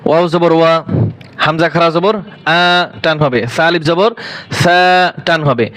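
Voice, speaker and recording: A man teaching Quran reading, spelling each word letter by letter and then reciting it slowly and drawn out. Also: a little high, fairly bright tone, rough recording.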